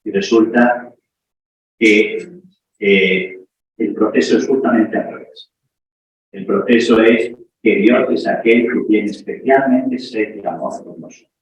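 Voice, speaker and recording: A man, a priest, giving a conversational talk to a parish group, pausing on fillers and restarting phrases as he thinks aloud. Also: lowish voice, a little hiss or hum. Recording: echoey room heard from far off, dull sound.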